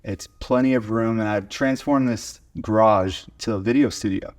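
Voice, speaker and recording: A man in his twenties from a small Oklahoma town tells stories casually as a podcast guest, speaking with an American accent. He owns a video studio in a converted garage, where this is recorded, and his voice is fairly low and darkish at a moderate pace.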